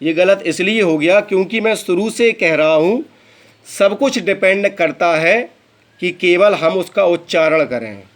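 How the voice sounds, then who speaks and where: Slow, patient Hindi-speaking English teacher. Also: male voice, sits high. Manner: slow, spells words out letter by letter; addresses students as beta. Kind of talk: classroom lesson.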